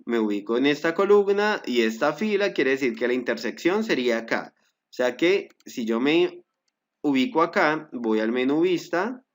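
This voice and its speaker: A man teaching a step-by-step software tutorial, guiding viewers with frequent fillers and self-corrections. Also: mid-range voice, animated, normal speed. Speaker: Excel instructor. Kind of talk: screen-recorded software tutorial.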